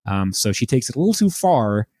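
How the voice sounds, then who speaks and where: A man co-hosting a casual podcast, recapping a sitcom episode and often jumping into a high voice to quote lines. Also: a little fast, no echo, clean studio sound. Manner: animated, jumps into high pitch to quote lines. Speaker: podcast co-host.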